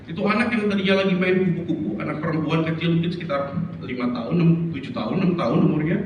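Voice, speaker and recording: A man's voice: fairly high pitch, rapid-fire, highs cut off, a little hiss or hum. A man preaching a sermon, telling stories and acting out the people and the barking dog in them. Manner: animated storytelling, acts out voices and barking. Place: large church hall. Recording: echoey hall from far off.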